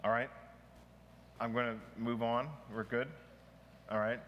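A man's voice: medium pitch, flat delivery, a little slow, dull audio. A male pastor teaching a small church group in an informal, conversational way, with restarts, asides and questions to the group. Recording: long hall reverb, faint noise.

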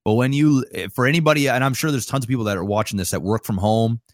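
A man in his thirties co-hosting a casual podcast, talking in a laid-back, drawn-out way with plenty of swearing. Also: medium pitch, fairly even intonation, dry recording, clean studio sound. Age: 30s. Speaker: podcast co-host. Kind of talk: casual chat.

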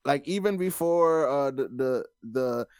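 A man's voice: medium pitch, lively intonation, a little slow, darkish tone, no room sound. Slangy man podcasting, close dry sound. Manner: slangy, opinionated. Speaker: podcast host. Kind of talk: casual podcast chat.

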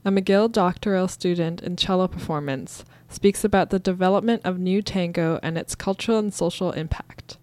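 A woman's voice: fairly low pitch, moderate pace, few pauses, darkish tone, dry recording. A woman hosting a radio show, reading a prepared introduction.

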